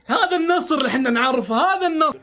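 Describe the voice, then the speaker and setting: A man's voice: very high-pitched, expressive, very fast, background noise. A man reacting live to a football match, swearing oaths and pleading with the players.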